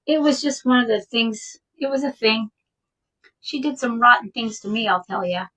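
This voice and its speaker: A woman's voice: a little high, moderate pace, bright, forceful tone, far from the mic, poor audio. A woman casually telling a personal story in a chatty, rambling way, laughing often as she talks. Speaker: vintage shop owner telling a personal story.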